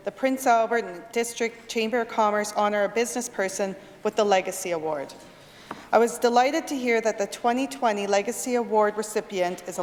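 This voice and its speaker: A Canadian woman legislator reading out a formal prepared tribute in a legislative chamber. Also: mid-range voice. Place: large indoor legislative chamber. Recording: reverberant chamber with faint noise.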